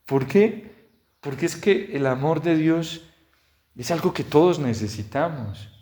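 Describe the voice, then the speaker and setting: Man preaching a homily. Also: unhurried. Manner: builds to loud high-pitched exhortations; storytelling with lively quoted dialogue.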